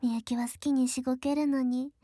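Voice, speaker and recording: A woman's voice: high-pitched, level tone, a little fast, warm tone, no echo, studio quality. A woman voicing a domineering adult younger sister who mocks and belittles her older brother in an audio role-play drama, with a giggling, condescending manner. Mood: taunting. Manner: taunting, condescending, frequent giggles.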